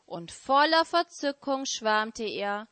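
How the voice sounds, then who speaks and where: Woman, reading a fable aloud, slow, bright tone, lively animal voices, dry sound. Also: a little high, clean tone, no room sound. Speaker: reader.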